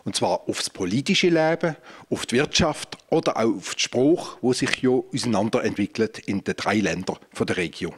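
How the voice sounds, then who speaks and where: A man's voice: on the low side, expressive, moderate pace, husky. A man, a museum director explaining exhibits on a guided tour, speaking into a handheld mic in a large exhibition hall. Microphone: handheld microphone.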